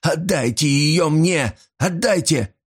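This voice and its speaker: A man voicing a nervous old male pawnbroker who pleads breathlessly, rising into shrill panic. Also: lively intonation, unhurried, darkish tone, breathy edge. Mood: pleading.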